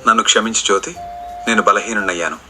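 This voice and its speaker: A man's voice: lowish voice, steady tone, fast talker, pushed and bright. A man voicing a remorseful, weak-willed young groom in a spoken family drama, with a sorrowful, subdued delivery. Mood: regretful.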